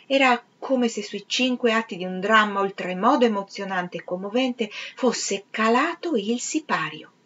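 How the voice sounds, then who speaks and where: A woman reading a literary novel aloud in a measured, expressive way, sometimes sinking to a whisper. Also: medium pitch. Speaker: reader. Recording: slightly dull, lo-fi recording.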